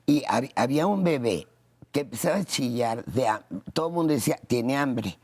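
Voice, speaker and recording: A man's voice: medium pitch, lively intonation, moderate pace, darkish tone, slightly rough. Older man, enthusiastic storyteller. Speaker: guest expert. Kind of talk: TV interview.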